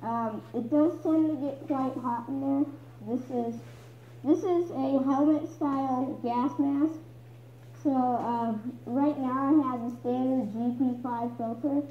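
A young woman talks slowly through a gas mask in a high voice, showing off her collection with plenty of ums. The sound is muffled and thin like a phone line, in an echoey room. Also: fairly even intonation, a little hiss or hum. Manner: chatty, many um fillers. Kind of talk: casual show-and-tell.

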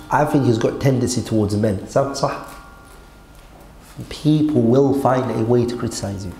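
A man's voice: mid-range voice, warm tone. A man giving an emphatic, conversational religious lecture as a teacher, checking in with listeners through rhetorical questions. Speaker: Islamic teacher. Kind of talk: religious lecture explaining a text to a class. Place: seated at a desk in a hall indoors. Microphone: gooseneck desk microphone. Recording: echoey room with faint background noise.

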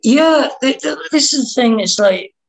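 A man from Wales, a writer and interview guest, talking in a casual, halting way, restarting and repeating words as he thinks. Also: very high-pitched, expressive, poor audio. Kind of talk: casual conversation.

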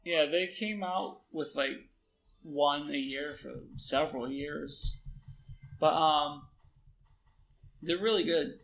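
A young man talks casually over his gameplay, his voice sitting a little high. He drifts in and out of sentences with plenty of "uh" and "like." The tone is easy and unhurried. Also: gravelly. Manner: relaxed, halting, many fillers. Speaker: gamer. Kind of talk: casual let's-play commentary.

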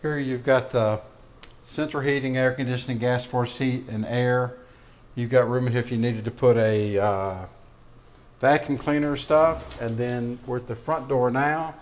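A man's voice: medium pitch, steady tone, unhurried. A man narrating a casual walkthrough tour of an empty apartment as a leasing agent, matter-of-fact with frequent fillers, recorded on the camera while walking room to room. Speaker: real estate leasing agent.

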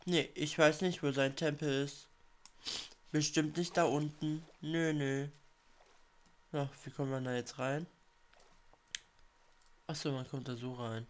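A man with a cold talks slowly and loosely through a game session. He chats with viewers and mutters little reactions to himself as he plays, with faint background noise under his voice. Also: a little high, fairly even intonation. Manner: chatty, mutters reactions to himself while playing. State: has a cold. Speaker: let's play gamer. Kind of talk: casual game commentary.

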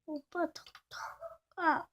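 A woman's voice: slow pace, a bit bright, slight background noise. Woman doing a whiny invisible girl. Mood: pleading. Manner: whiny, pleading. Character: lovesick young girl turned invisible, whiny.

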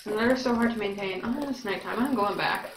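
Excitable woman gamer, echoey mic. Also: mid-range voice, a little fast. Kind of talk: casual gaming chat. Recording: noisy, echoey home mic.

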